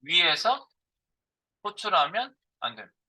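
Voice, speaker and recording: Lively, bright-voiced man teaching code. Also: high-pitched, measured pace, rough recording. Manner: thinks aloud while typing code, asks and answers his own questions. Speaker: programming instructor. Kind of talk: live coding lecture.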